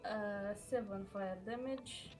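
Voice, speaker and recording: A woman's voice: mid-range voice, steady tone, slow pace, loud music behind the voice. A woman playing a tabletop game over voice chat, hesitant and full of "uh"s as she rolls dice. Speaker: player.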